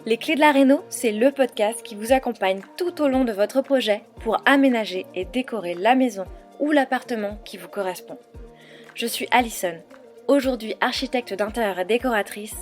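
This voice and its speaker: A woman who hosts a home renovation podcast and works as an interior architect. She gives a lively scripted introduction and then moves into relaxed interview chat. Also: on the high side, moderate pace, faint music behind. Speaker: podcast host.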